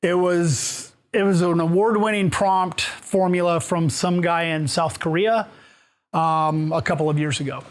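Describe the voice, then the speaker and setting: A man's voice: on the high side, fairly even intonation, unhurried. A man giving a live workshop to a room of people, talking casually, asking the audience questions and moving around as he speaks. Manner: casual, asks the audience questions, with fillers and restarts. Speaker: workshop presenter. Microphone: room mic, moves around while talking.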